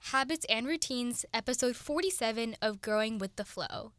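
A woman's voice: a little high, lively intonation, moderate pace, fairly bright tone, no room sound. A teenage girl co-hosting a student radio podcast, chatting casually and giggling, with lots of "like". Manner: put-on British accent for a stretch. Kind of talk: casual chat. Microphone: studio microphone.

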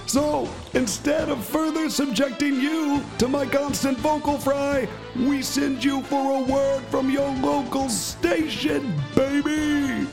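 A man playing an excitable, bombastic basketball announcer in parody commentary, with constant gravelly vocal fry. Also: very high voice, heavily acted, low-quality recording. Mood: bombastic showman. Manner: bombastic, drawn-out catchphrase delivery. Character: excitable male TV basketball announcer, exaggerated celebrity sportscaster impression. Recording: music behind the voice.

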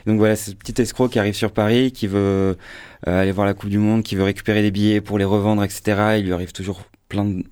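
A man with a low, mellow voice speaks as a radio guest in a dry studio. He talks loosely and relaxed, stumbling over fillers and restarting his sentences as he goes. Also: quick pace, clear, resonant tone, no echo. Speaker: festival programmer, guest. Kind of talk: casual radio interview.

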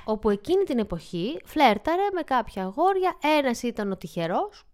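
A woman co-hosting a casual podcast who begins her own story with lively, expressive delivery. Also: on the high side. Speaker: podcast co-host.

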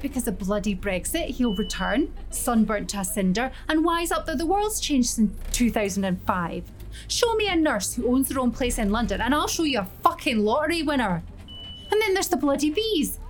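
A woman with a Scottish accent playing a fed-up, middle-aged nurse who swears freely and talks in a loud, carrying voice. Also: a little high, slight background noise. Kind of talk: audio drama monologue.

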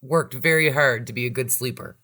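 A woman's voice: rumbling low, fairly quick, bright, forceful tone. A woman in her forties, a podcast guest, talking in a reflective, casual way and laughing often. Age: 40s. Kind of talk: casual chat.

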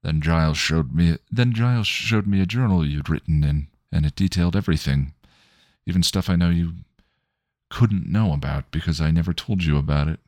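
A man voicing a young woman who is tearful and earnest, speaking softly and haltingly. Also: sits low, no room sound, clean studio sound, lightly acted. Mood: confiding.

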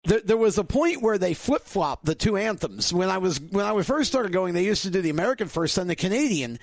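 A man hosting a casual racing talk show, an announcer who tells stories with animated enthusiasm and imitates other callers. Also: high voice, fairly quick, no room sound. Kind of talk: casual podcast chat.

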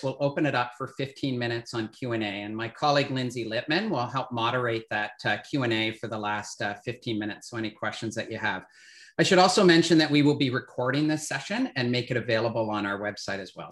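A man moderating an admissions webinar, explaining in a measured way with frequent fillers. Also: mid-range voice, fairly bright tone.

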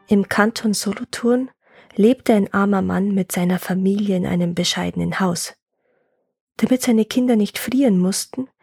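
A woman narrating a legend in a calm, measured storytelling voice as host of her fairy-tale podcast. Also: mid-range voice, slightly rough, no echo, studio quality.

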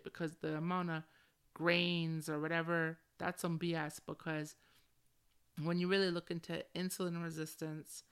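A middle-aged woman hosts a solo podcast, talking candidly in a chilled, slangy valley-girl style that sprinkles "like" through her sentences. Her voice is lowish and a bit bright, with vocal fry and a clean tone.

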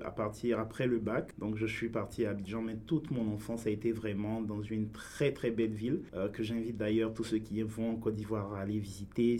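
Low-voiced man from Ivory Coast. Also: slight background noise. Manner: warm storytelling, frequent fillers. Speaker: podcast guest. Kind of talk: casual interview talk.

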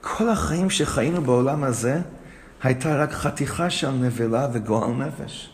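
A man teaching a study class, reading Hebrew lines quickly and then translating them and asking his students questions. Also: medium pitch. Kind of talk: animated text study with students. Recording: reverberant room with faint background noise.

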